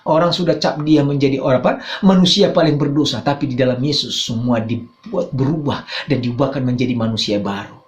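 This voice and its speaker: A man preaching a sermon as pastor, swinging between raised emphatic phrases and low quiet asides. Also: a little fast. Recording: dull roomy church recording.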